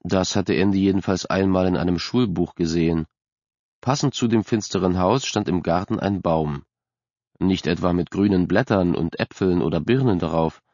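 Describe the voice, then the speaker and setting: A man reading a story aloud in a steady, measured way as an audiobook narrator. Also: low-pitched, no room sound. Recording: dry, slightly dull recording.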